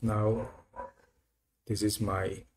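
A man giving an unhurried screen-recorded software walkthrough, thinking aloud with frequent fillers. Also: lowish voice, flat delivery, slight background noise. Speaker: software tutorial presenter.

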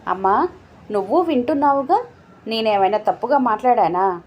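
A woman voicing a patient grown son who pleads calmly with his father in a storybook reading. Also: on the high side, normal speed, husky, highs cut off. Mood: earnest pleading. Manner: earnest, pleading.

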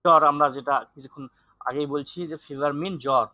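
A man teaching an English lesson in an online class, switching between Bengali and English and reading English sentences slowly for students to repeat. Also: on the high side, fairly even intonation, dry recording, muffled recording. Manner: mixes Bengali and English, slow drilled English reading.

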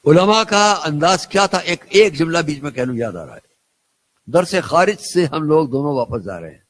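A man's voice: fairly high pitch, sing-song, moderate pace. An older man from India, a Shia cleric and scholar, tells anecdotes in a religious lecture and repeats phrases for emphasis.

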